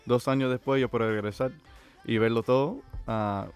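A man in his twenties from the United States, a guest chatting casually, relaxed, with small slips in his Spanish. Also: mid-range voice, normal speed, clear, resonant tone, faint music behind. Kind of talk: casual chat.

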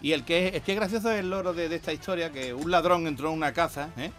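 High, bright Andalusian man telling jokes. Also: quick pace, faint music behind. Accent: Andalusian Spanish. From Andalusia, Spain. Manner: animated storyteller, voices punchlines loudly, laughs at own jokes. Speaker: joke-telling radio guest. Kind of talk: telling jokes on a radio show.

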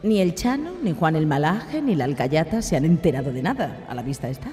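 A woman's voice: low voice, very animated, fairly quick, mellow. A woman narrating a comedic radio sketch. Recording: hall reverb, faint music.

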